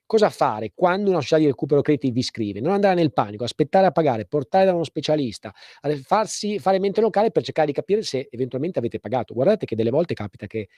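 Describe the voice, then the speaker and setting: A man hosting a live call-in radio show, explaining things informally with hesitant, pause-filled phrasing. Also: on the high side, sing-song, dark tone, no room sound, studio quality. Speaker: radio host and legal advice presenter.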